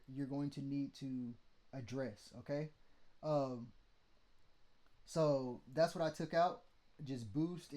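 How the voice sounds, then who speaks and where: Slightly mellow and on the high side, though described as mid-range, this man's voice guides a casual vocal-mixing how-to. As host he keeps it loose and blunt, swearing and regularly asking "okay?".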